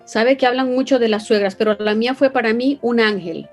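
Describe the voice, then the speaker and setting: A woman's voice: fairly high pitch, brisk, faint music behind. A Venezuelan woman with a Venezuelan accent, earnestly telling an emotional personal story as an interview guest. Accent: Venezuelan Spanish. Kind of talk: personal testimony.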